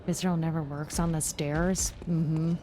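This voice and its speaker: A woman streaming a game live, chatting casually and swearing, quick to squeal when excited. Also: noisy background. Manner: excitable and profane, jumps to high yelps. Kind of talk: casual live gameplay commentary.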